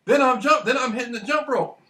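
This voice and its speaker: A young man from Michigan telling a rambling, excitable story in a casual monologue, swearing now and then. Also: extremely high pitch, fairly quick. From Michigan, USA. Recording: voice distant from the mic.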